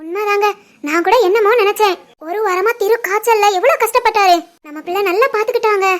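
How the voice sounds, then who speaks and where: A woman voicing a caring middle-aged wife and mother in an animated family story, with a southern Tamil Nadu accent and a brisk, homely, scolding manner. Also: very high voice. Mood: fond.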